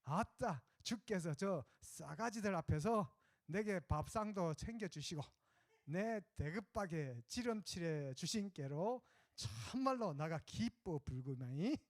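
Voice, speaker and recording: A man's voice: high voice, animated, slow, no room sound, full character voice. A man reciting a psalm as a hearty country man with a broad Jeolla accent, drawling and full of exclamations. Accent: Jeolla dialect. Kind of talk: sermon illustration, dialect recitation.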